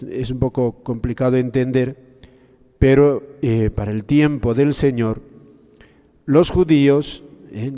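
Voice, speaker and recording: A man delivers a slow, reflective Gospel commentary in a sermon style. His voice is dark and mellow, and it sits in a room with a long, ringing reverb. He pauses often and turns to speak straight to his listeners. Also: mid-range voice. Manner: addresses listeners directly.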